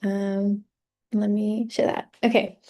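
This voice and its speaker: A woman hosting an online group over a video call. Her voice is mellow and mid-pitched, and she talks in a relaxed, easy way. She fills her pauses with frequent ums. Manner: friendly, loose, with many filler ums. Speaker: host.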